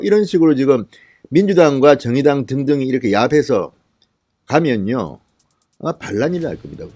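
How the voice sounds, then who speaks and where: A man's voice: fairly high pitch, darkish tone. A middle-aged man from the Gyeongsang region hosting a political commentary show, speaking indignantly and firing off rhetorical questions. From Gyeongsang region, South Korea.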